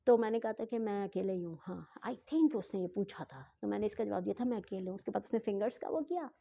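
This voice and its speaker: A woman telling a travel story in a casual vlog, chatty and often correcting herself, mixing in English phrases and speaking slowly on purpose. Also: medium pitch, lively intonation, gravelly, dull audio. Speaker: travel vlogger.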